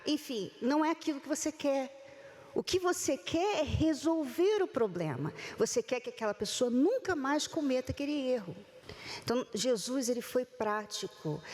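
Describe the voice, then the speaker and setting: A woman gives a church-style talk on relationships, her voice pitched high. She speaks with animation and acts out the people she quotes. Long reverb from a large hall hangs behind her. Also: a little mellow.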